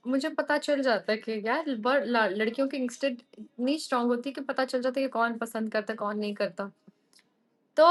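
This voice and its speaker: A young woman hosting a live stream, telling a story to viewers in a casual way, switching into English often and laughing as she goes. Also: a little high. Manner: animated, mixes English into her talk, laughs often.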